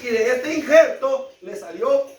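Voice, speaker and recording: High-voiced Salvadoran man teaching slowly. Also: animated, darkish tone. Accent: Salvadoran Spanish. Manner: repetitive, emphatic, asks the class questions. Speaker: bible teacher. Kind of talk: classroom bible lesson. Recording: echoey room, speaker far from mic.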